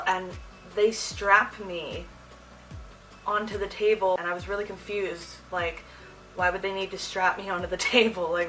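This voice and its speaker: A young adult woman hosting a casual storytime vlog, talking in an animated, slangy way. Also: medium pitch, far from the mic, poor audio. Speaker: video host. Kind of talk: casual personal storytime to camera.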